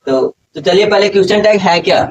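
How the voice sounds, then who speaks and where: A man with a high voice teaches a grammar lesson in a classroom. He keeps quizzing his students and repeating the main points. He sounds somewhat distant from the mic, with faint background noise. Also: a little fast.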